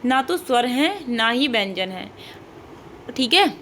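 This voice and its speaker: A woman's voice: on the high side, very animated, a little slow, pushed and bright. Woman teacher repeating points, faint hiss. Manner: repeats points with "ठीक है" and rhetorical questions. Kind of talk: online class lecture.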